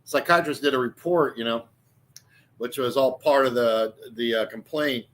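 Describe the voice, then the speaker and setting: Medium in pitch, moderate in pace and a bit bright, the voice belongs to a sixty-something man rambling casually on his YouTube channel. He strays off topic, stacks fillers and restarts, and laughs at his own mocking jokes.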